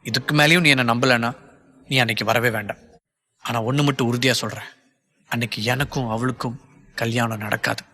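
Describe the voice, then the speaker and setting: A man's voice: mid-range voice, steady tone, a little fast, pauses often, pushed and bright, big-room sound. A man voicing a cornered young man who pleads with his lover to trust him, in an audiobook. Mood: firm. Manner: earnest, pleading, reassuring.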